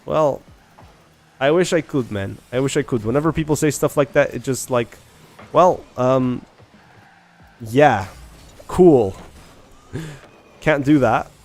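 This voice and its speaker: This young man from Ireland speaks slowly with long pauses, his mid-range voice a little mellow. Chatting casually with game-stream viewers, he thinks aloud and rambles, restarting sentences and asking questions, while faint beats play behind him.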